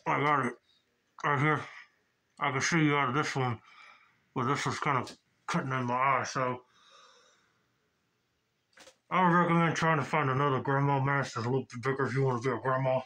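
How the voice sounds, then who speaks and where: A man's voice: medium pitch, steady tone, brisk, long pauses, sharp tone. A young man hosting a casual mask review vlog, talking in a rambling, folksy way through a face mask. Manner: rambling, folksy, chuckling between remarks. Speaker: host of a mask review channel.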